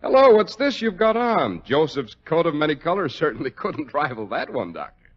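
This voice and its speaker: A young adult American man plays a genial, polished announcer and emphatic salesman visiting an old doctor in a scripted 1940s radio show. His voice is a little high, very animated and at normal speed, on a dull, lo-fi 1940s radio recording.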